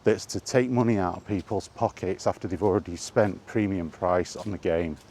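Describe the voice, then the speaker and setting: Deep and dark-toned, this British man's voice moves at a moderate pace as he vents in an unscripted, swear-laden tirade, gaming-vlogger style, mid-walk. Exasperation drives his repeated rhetorical questions. Outdoor noise is clearly present in the recording.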